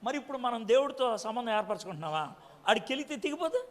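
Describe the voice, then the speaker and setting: A man's voice: extremely high pitch, very animated, fast, fairly bright tone, big-room sound. A man preaching a sermon, quizzing his congregation with frequent direct questions.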